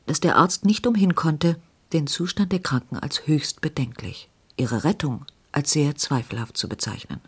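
A reader giving a measured, dramatic scripted narration of a literary novella for radio. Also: medium pitch, a bit bright, slightly rough.

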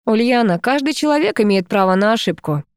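A woman's voice: fairly high pitch, lively intonation, fairly quick, clean tone, no room sound, studio quality, voice pushed up. A woman reading as a hysterical, mocking young ex-boyfriend. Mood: taunting. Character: brash jealous young man, the ex.

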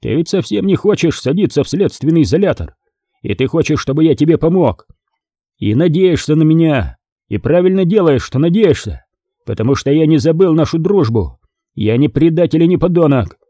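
A man reading an audiobook, voicing a furious, foul-mouthed middle-aged army battalion commander who shouts and bullies. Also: a little high, expressive, normal speed, no room sound, clean studio sound, pitched above the performer's own voice. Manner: shouting, swearing, bullying.

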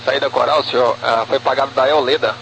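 Male pilot over the radio, quick and forceful, clipped calls. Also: mid-range voice, steady tone, gravelly, a little hiss or hum, poor audio. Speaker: airline pilot. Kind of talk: radio calls to air traffic control.

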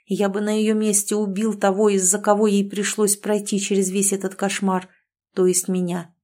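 A woman reading a story aloud in the first person, with a mid-range voice. She tells it as an anxious, wry inner monologue, full of worry and self-mockery. It is a steady audiobook-style reading. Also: mid-range voice, moderate pace. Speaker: audiobook narrator.

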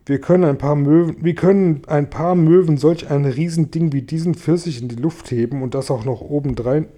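A man reading a storybook aloud, voicing a sharp, excitable old grasshopper. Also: on the high side, fairly quick, natural voice. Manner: sharp, eager.

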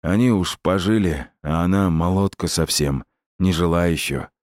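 A man's voice: low-pitched, moderate pace, a little mellow, dry recording, studio quality, natural voice. A man voicing an anxious village priest who pleads in a tearful, raised voice. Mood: pleading.

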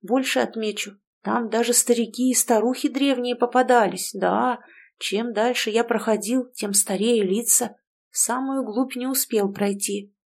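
A woman voicing a gruff, stubborn old village grandfather in an audiobook, with a grumbling, blunt way of talking. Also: fairly high pitch, fairly even intonation, a little slow, a little mellow. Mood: recounting. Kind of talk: audiobook character voice.

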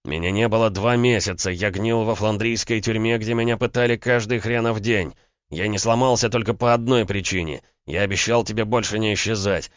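A man's voice: mid-range voice, fairly even intonation, brisk, smooth, dry recording, dull audio, pitched above the performer's own voice, close to an everyday voice. A man voicing a bitter young man who barks and speaks with venom. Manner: barking, venomous. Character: young man, bitter, menacing, quick to explode.

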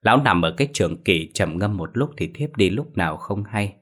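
Man, very deep voice, measured ominous ghost story narration. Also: animated, a bit bright.

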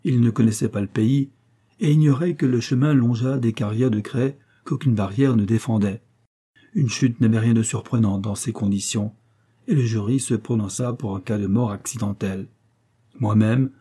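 A man voicing a desperate young gentleman who feels hunted by fate, telling his story anxiously. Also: fairly low pitch, slightly rough.

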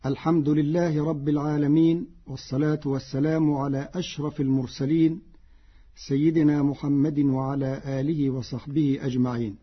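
A man from Egypt, a Quran scholar, giving a formal radio lesson in a measured manner and chanting quoted words slowly and deliberately. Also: a little high, flat delivery, breathy edge. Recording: dull lo-fi archival radio recording.

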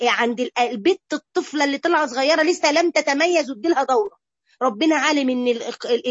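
Egyptian woman, religious teacher, high, fast, chatty lecture, dull dry tape. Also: breathy edge, dry recording. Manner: animated and conversational, addresses the audience directly. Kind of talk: lively colloquial lecture to a women's group.

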